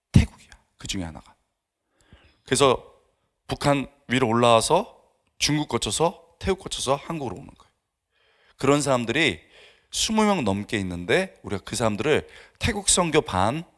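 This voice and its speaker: A man's voice: medium pitch, fairly bright tone. A middle-aged male pastor preaching a sermon, telling a story with acted-out dialogue and sudden drops to a whisper. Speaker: pastor and seminary professor. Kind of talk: dawn service sermon.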